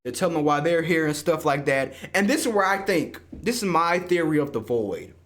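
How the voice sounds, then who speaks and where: Excitable high-voiced man reviewing a movie. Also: brisk. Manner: excitable, slangy and profane, often laughing. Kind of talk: casual spoilery film review chat.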